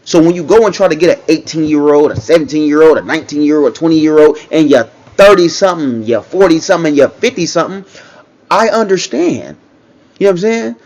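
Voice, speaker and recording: A man's voice: on the high side, fairly quick, darkish tone. A man giving casual reaction commentary, talking in a loose, repetitive way and often checking in with the listener. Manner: conversational, repeats himself, frequent "you know what I'm saying".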